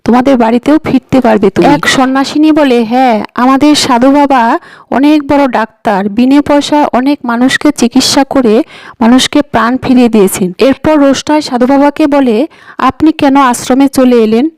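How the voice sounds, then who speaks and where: A woman's voice: high voice, fairly quick, darkish tone, dry recording, rough recording. A woman retelling a TV serial episode, reading every character's lines in the same plain voice. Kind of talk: scripted narration with quoted dialogue.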